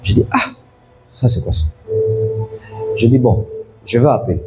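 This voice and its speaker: A man's voice: medium pitch, expressive, measured pace, mellow, breathy edge, soft background music. A pastor preaching an evening sermon, telling a story and calling out to his congregation to follow him.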